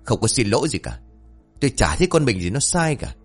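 A man's voice: medium pitch, very animated, fairly quick, slightly rough, soft background music. A man voicing a stubborn, arrogant middle-aged father who dismisses complaints. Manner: dismissive, blustering.

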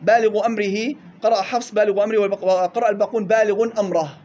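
A man teaching a tajweed lesson in a classroom, listing reading variants briskly and drawing out the recited words slowly. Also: sits high, fairly even intonation, a little mellow, lo-fi sound.

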